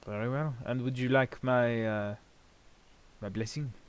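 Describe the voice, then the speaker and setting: A man playing a helpful, apologetic gravedigger spirit in a tabletop game, speaking politely and formally with hesitant pauses. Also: mid-range voice, steady tone, clean tone, close to an everyday voice. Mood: courteous, cautioning. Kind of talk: improvised tabletop role-play.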